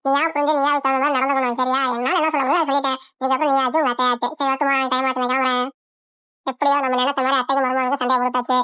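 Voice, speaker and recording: A woman's voice: sits high, little pitch movement, very fast, bright, forceful tone, clear, resonant tone, dry recording, soft background music. A woman voicing a meddling, scheming neighbour in a cartoon, with a sly, gossipy manner. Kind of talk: cartoon voice acting.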